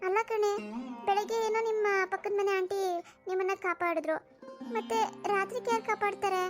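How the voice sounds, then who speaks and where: A chatty, squeaky schoolgirl. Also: brisk, over music. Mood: caring. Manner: lively, sympathetic, chatty. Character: chatty caring schoolgirl friend. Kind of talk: cartoon voice acting.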